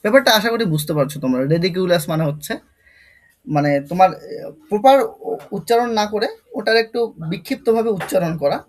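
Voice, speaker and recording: A man's voice: high voice, expressive, quick pace. A young man with a Bengali accent teaching an online exam-prep English lesson, repeating key terms and quizzing his students.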